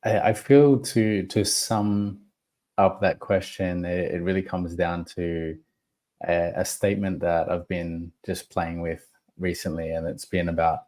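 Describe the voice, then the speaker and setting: A man being interviewed as a podcast guest, talking slowly and reflectively with many pauses. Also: low voice, steady tone, a little mellow. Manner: slow, measured, thoughtful with pauses.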